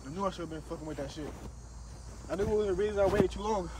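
A young man speaks in a very high, distressed voice as his mouth burns from spicy food. He talks in agitated, profane slang, as if to vlog viewers. The camera mic sits well away from him outdoors, with faint noise behind. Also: fast, recorded from a distance. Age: young adult. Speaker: vlogger doing a food challenge. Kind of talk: casual vlog talk to camera. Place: outdoors on stone steps in a park. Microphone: camera held by another person, some distance away.

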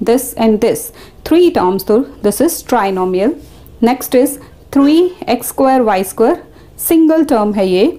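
A woman with an Indian accent teaching a maths lesson. She reads out each question slowly, then explains it in quick bursts, speaking straight to the students. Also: a little high, warm tone. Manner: switches between Hindi and English, addresses students directly. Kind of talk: classroom lesson explaining exercises.

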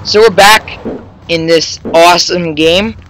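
A young man hosting a casual let's play, excitable and joking, chatting to his horse in the game. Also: high-pitched, slow pace, a little hiss or hum, rough recording. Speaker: gaming channel host.

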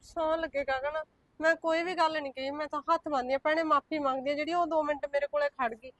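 A woman's voice: sits high, fairly even intonation, fast, a bit bright, dry recording. A woman playing a pleading widow. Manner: pleading, swearing innocence. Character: pleading widowed woman with small children, meek. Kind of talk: village short-film drama.

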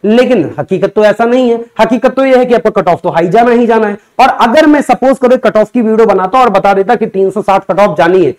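A young exam coaching teacher lectures students in an indoor studio in front of a digital board, emphatic and conversational, often posing questions and answering them himself. His voice is high and darkish, a little fast, with hardly any pauses.

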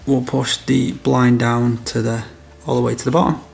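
A man's voice: mid-range voice, level tone, normal speed, creaky, darkish tone, slight background noise. A man in his thirties, an electrician, talking through a job step by step while demonstrating in a house. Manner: practical, explaining step by step. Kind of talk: on-site product demonstration. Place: house interior, small room.

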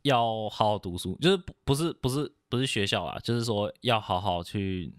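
A young man from Taiwan chats on a podcast in a lowish voice, circling around his point with many fillers and false starts. He sounds close to the mic in a small quiet room, and the sound is dry. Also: lively intonation, normal speed, no echo. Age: young adult. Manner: hesitant, rambling with many fillers and restarts. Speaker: podcast guest. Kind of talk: casual chat.

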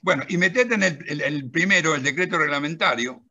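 A middle-aged man with a Rioplatense Spanish accent, animatedly demonstrating software on a video call while telling an anecdote and directing a helper at the screen. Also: on the high side, a little fast, dull audio. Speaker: presenter of a pension-law software and magazine.

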